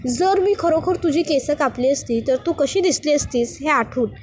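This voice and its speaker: A woman's voice: high voice, lively intonation, moderate pace. A woman voicing a young husband who teases his wife and scolds her mildly, in her own storytelling voice. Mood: teasing. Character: young husband, teasing yet gentle.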